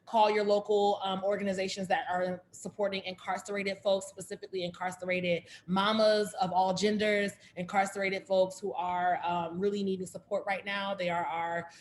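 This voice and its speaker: A woman's voice: mid-range voice, little pitch movement, normal speed, hardly any pauses, a little hiss or hum. Effusive woman hosting an online reading. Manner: effusive, warm thanks and rambling asides. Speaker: host of an online reading series. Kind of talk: casual event closing remarks.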